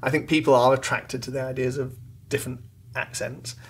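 A middle-aged British man from England, answering interview questions in a thoughtful, measured way with fillers. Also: mid-range voice, flat delivery, fairly bright tone, husky. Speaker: interview guest, loudspeaker designer. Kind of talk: relaxed conversational interview.

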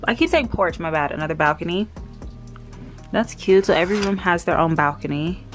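A woman vlogs from a mountain rental cabin in an easy, chatty way, stopping to correct her own words. Her voice sits fairly low, and she sounds short of breath. Music plays clearly underneath her talk. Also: lively intonation, brisk. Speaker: vlogger. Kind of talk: casual vlog narration.

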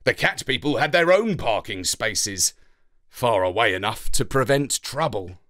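Speaking with a British accent at medium pitch, a man narrates a children's story in a theatrical, deliberate, and expressive way.

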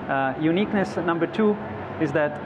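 His voice is a little high and his speed normal: an executive guest in his thirties, interviewed at a studio set on a trade show floor. He reflects as he talks, with repeated restarts and fillers, and the slightly dull recording carries distinct background noise.

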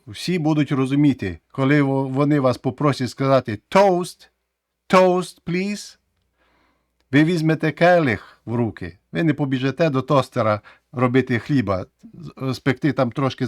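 Male Ukrainian-accented English tutor, mid pitch, patient drilling delivery, dry close-mic sound. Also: no room sound. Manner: explains slowly, repeats words for drill. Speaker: English teacher. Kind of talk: casual video lesson.

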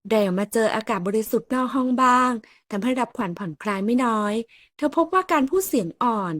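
A woman narrating a romance audiobook in an even storytelling manner. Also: a little high, fairly quick, dry recording, studio quality.

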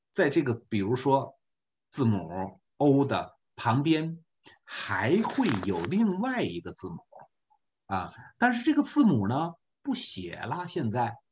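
A man leads an online beginner class as a volunteer teacher. He explains patiently, leaning on small filler particles as he goes. His pitch swings widely, high and low, through each sentence.

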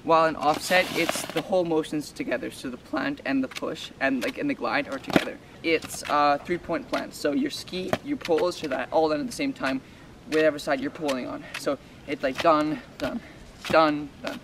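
A young man walks beginners through ski technique in a relaxed, step-by-step way, with plenty of fillers. His voice sits a little high and is picked up from a distance outdoors, with clear background noise. It sounds like a camera recording on a snowy trail. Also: moderate pace. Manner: casual, explains step by step with fillers. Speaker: ski instructor. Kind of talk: outdoor instructional talk.

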